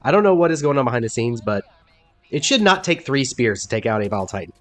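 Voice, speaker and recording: A man giving voice-over commentary on someone else's gameplay. He sounds congested from a cold and explains things in an upbeat way, with sudden lifts in pitch. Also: very animated, fast, a bit bright.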